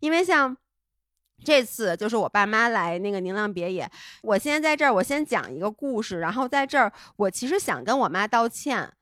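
A woman's voice: on the high side, sing-song, a little fast, fairly bright tone, dry recording, studio quality. A woman co-hosting a podcast, telling a personal story in a candid, rambling, heartfelt way. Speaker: podcast co-host.

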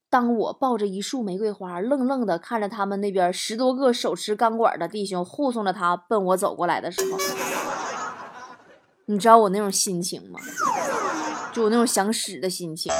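A woman talk show host, telling comic stories in a lively, teasing way and acting out the people she quotes. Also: medium pitch. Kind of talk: comic storytelling monologue.

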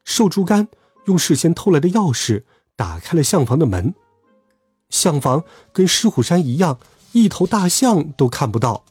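A man telling a children's story aloud in a lively, expressive way. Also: fairly high pitch, normal speed, breathy edge, no echo, soft background music.

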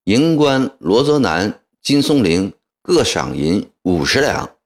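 A man reading an audiobook voices a stern middle-aged male commander who gives a loud, formal speech to massed soldiers. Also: lowish voice, sing-song, takes it slowly, heavily acted. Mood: rousing. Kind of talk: audiobook character voicing.

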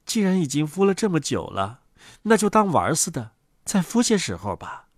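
A woman's voice: sits low, big pitch swings, moderate pace, darkish tone, dry recording, studio quality, pitched below the performer's own voice. A woman voicing a tired, complaining mother duck sitting on her eggs in a storybook. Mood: stubborn. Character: weary grumbling mother duck on her nest.

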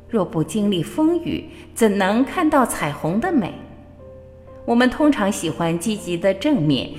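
A female radio host with a mid-range voice delivers a spiritual reading in a measured, expressive way, weaving in storytelling. The recording carries a long reverb, and faint music plays in the background.

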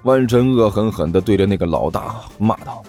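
A man narrating a comic novel as an audiobook in a lively storytelling manner. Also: fairly low pitch, brisk. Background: faint music.

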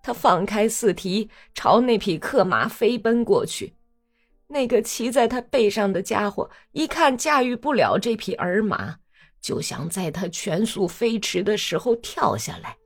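A woman's voice: medium pitch, expressive, unhurried, breathy edge, soft background music. A woman reading a novel aloud as an audiobook, telling the story expressively. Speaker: audiobook reader.

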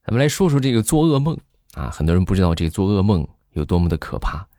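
A man telling comic anecdotes in a lively monologue, acting out the people in his stories. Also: sits low, fast, dry recording, soft background music. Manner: animated, acts out characters in his anecdotes. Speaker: comedy storyteller.

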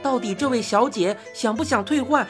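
A woman voicing a nervous little shopkeeper man who pleads in a high, squealing voice. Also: moderate pace, music in the background, natural voice. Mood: pleading.

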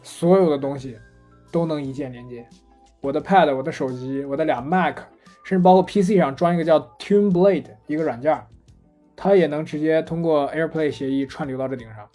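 A man co-hosting a casual podcast chat, telling anecdotes in a lively, chatty way. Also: on the high side, a little fast, soft background music. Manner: chatty storyteller, animated retelling of anecdotes. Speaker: podcast co-host. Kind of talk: casual chat about gadgets.

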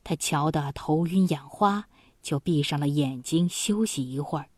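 A woman narrates a historical tale for children at an unhurried pace. Her voice is a little husky and mid-pitched. She reads expressively, close to a dry mic. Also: dry recording. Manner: slow, expressive reading. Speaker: storyteller.

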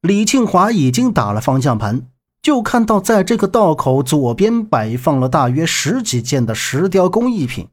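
A man narrating a serialized novel in an expressive, dramatic manner with a husky voice. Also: a little high, normal speed, hardly any pauses. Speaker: audiobook narrator.

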